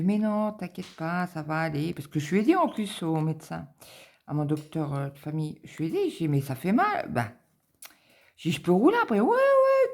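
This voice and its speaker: A woman's voice: low voice, creaky, darkish tone. A middle-aged woman chatting casually and anxiously, rambling with many fillers and repetitions. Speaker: cross-stitch vlogger.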